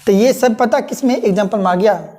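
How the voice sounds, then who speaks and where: A woman runs a classroom grammar lesson in a mellow, relaxed voice at a middle pitch. She repeats each term slowly and keeps checking that her students follow. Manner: repeats terms slowly, checks understanding often. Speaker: English grammar teacher. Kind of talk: classroom lesson explaining pronouns.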